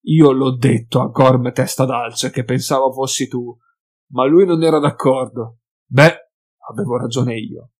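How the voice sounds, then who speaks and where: A sly mutant pack leader, voiced by a man in an audiobook, suspicious and sneering. He taunts with loud, heavy emphasis, leaning hard on every accusation. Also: medium pitch, steady tone, measured pace, close to an everyday voice. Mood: taunting.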